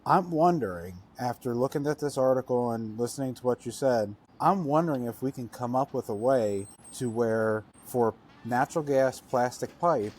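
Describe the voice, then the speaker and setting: A man's voice: medium pitch, normal speed, hardly any pauses, a little mellow. A man co-hosting a podcast, a welder thinking aloud and spitballing ideas in casual chat. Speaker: podcast co-host; welder working on gas pipe procedures.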